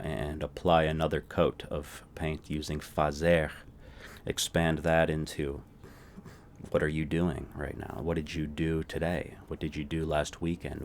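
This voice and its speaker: This is a recorded language lesson led by a man whose voice is very deep. He takes each point patiently, frequently adding "right?", and there's a slight hiss or hum on the recording.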